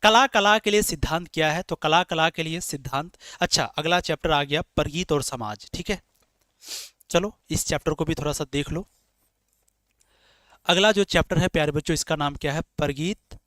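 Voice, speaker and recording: A man's voice: fairly high pitch, fairly bright tone, no room sound. A man teaching an online exam-prep class, repeating points and asking rhetorical questions to his dear students. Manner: repetitive, explains in rhetorical questions, calls students dear children.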